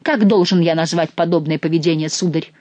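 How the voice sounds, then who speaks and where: A man reading an audiobook and voicing an imperious, hot-tempered young prince who accuses and shouts in a raised, loud voice. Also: high voice, huge pitch swings, no echo, voice pushed up, full character voice. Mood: furious. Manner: haughty, accusing, quick to shout.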